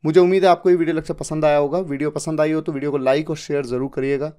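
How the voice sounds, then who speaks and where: Male pronunciation teacher, mellow tone, patient drill style, repeats syllables for learners. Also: on the high side, little pitch movement, smooth. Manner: drills sounds, repeating single syllables slowly; explanatory, contrasts right and wrong pronunciation. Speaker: spoken English teacher. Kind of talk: recorded video lecture.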